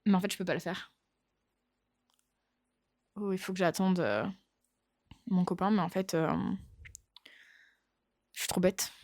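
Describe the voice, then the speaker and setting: A woman's voice: fairly low pitch, measured pace, long pauses, darkish tone, no echo, studio quality. A young woman chatting casually about her books at home, thinking aloud with lots of fillers, filmed on her phone. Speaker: book vlogger. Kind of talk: casual chat. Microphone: phone camera.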